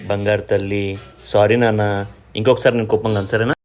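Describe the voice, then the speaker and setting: An actor playing a gentle, grieving young father who coaxes and soothes his little daughter. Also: lowish voice, little pitch movement, fast, faint music behind, close to an everyday voice. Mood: soothing. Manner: soothing, coaxing.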